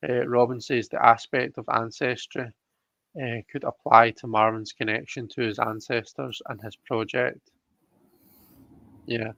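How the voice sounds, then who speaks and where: A man hosting a live tarot reading show chats casually and a bit hesitantly on his livestream, reading out comments. His medium-pitched voice is fairly bright, with vocal fry and little pitch movement, and he speaks unhurriedly. The sound is lo-fi with no echo.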